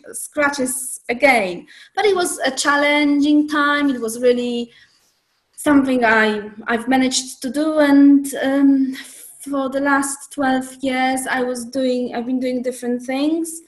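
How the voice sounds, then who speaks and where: A woman in her thirties from Poland, speaking English with a Polish accent, introducing herself unhurriedly over a video call and often pausing with ums. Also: sits high. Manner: unhurried, searching for words with frequent ums. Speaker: community organiser introducing herself. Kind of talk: casual self-introduction in an online group meeting.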